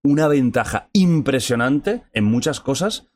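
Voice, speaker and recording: A man's voice: mid-range voice, expressive, unhurried, darkish tone, a little hiss or hum. Man from Spain, interview host, jokey and chatty, frequent backchannels. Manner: chatty and joking, many backchannels. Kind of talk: casual interview.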